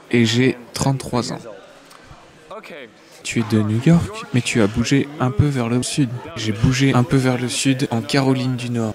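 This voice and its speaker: A man giving a voice-over translation of an interview, reading both the questions and the answers in a plain, even way. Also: medium pitch.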